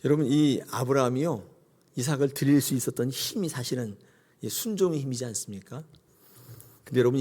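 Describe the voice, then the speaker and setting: A middle-aged male pastor preaching a sermon and acting out scenes with sudden high cries. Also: breathy edge. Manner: animated, acts out God's voice with sudden high cries.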